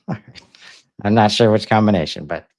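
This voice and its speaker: A man's voice: on the low side, normal speed, a little mellow. A man co-hosting a podcast, talking casually and hesitantly with many fillers. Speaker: podcast co-host.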